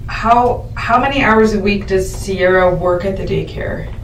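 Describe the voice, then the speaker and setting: A woman's voice: mid-range voice, a little slow. A woman interviewing for the police, putting probing questions methodically. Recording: echoey room, distant mic, faint noise.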